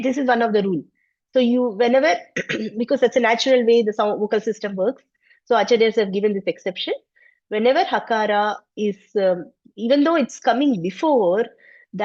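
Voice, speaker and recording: A woman's voice: a little high, darkish tone. A woman teaching a Sanskrit class online, explaining patiently and step by step. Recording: slightly dull lo-fi audio.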